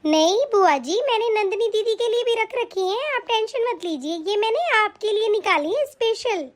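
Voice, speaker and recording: A woman's voice: extremely high pitch, lively intonation, normal speed. A woman as a polite young daughter-in-law. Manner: polite, warm, respectful. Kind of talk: animated story voice acting.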